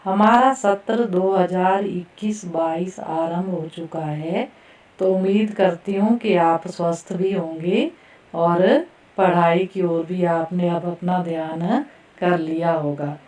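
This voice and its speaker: A woman teacher leading a slow Hindi pronunciation lesson, carefully repeating each word for students to echo. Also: lowish voice, fairly even intonation, darkish tone. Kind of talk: classroom lesson, pronunciation drill. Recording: echoey room, voice from far off the mic.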